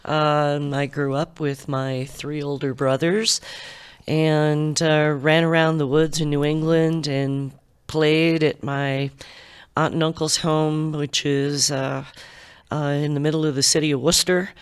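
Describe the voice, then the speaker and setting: An older woman from central Massachusetts tells stories in a candid, chatty way. Her voice is smooth and clear. Her pitch stays fairly even. She sounds like a guest in a relaxed podcast interview. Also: unhurried. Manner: chatty, candid, laughs easily while telling stories. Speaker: outgoing museum executive director. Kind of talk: casual interview storytelling.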